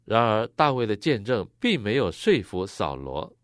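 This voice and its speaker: Male interpreter, deep and animated, expressive, close dry mic. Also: normal speed, no echo. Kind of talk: consecutive sermon interpretation.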